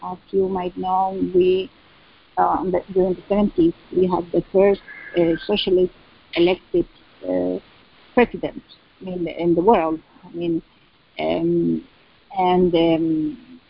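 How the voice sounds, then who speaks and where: A woman with a Chilean Spanish accent in an interview, speaking English haltingly as she translates in her head and searches for words. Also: fairly low pitch, little pitch movement, creaky, husky. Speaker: curator and cultural center representative. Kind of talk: interview answer about exhibitions. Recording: dull lo-fi sound.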